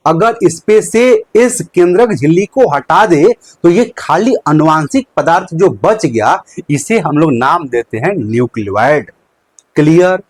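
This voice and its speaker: A man's voice: fairly high pitch, dry recording. A young man teaching a live online lecture, asking questions and answering them himself and repeating key terms. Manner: uses a handkerchief as a prop.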